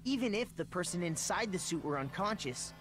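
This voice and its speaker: A woman voicing an earnest, determined teenage boy in an anime game, reasoning emphatically and deliberately. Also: on the low side, animated, close to an everyday voice. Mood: assertive.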